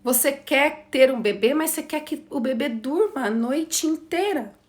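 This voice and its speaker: A woman, teaching a class in a slow, reflective way and putting questions to her listeners. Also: high voice, lively intonation, soft background music. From Brazil. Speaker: teacher of a course on systemic motherhood. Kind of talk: spoken lecture to a class.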